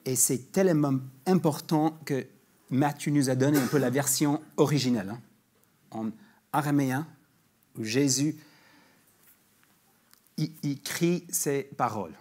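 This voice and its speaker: A man preaching a sermon at church, in a husky voice of ordinary pitch. He talks to the congregation conversationally, with restarts and fillers. When he reads scripture he slows down and leans into each word. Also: a little mellow. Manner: reads scripture slowly and emphatically. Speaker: guest preacher. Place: church sanctuary.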